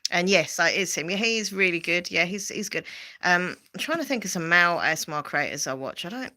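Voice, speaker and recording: A woman's voice: on the low side, expressive, fairly quick, sharp tone. A woman from Southend with an Essex accent, hosting a rambling, casual livestream chat full of fillers and repeats. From Southend, England. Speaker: livestream host.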